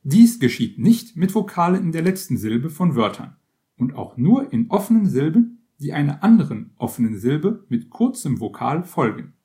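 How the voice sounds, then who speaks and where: Man reading a lively, steady list. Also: on the high side. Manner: measured, list-like reading with pauses. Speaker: reader. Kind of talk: scripted narration of an encyclopedia article.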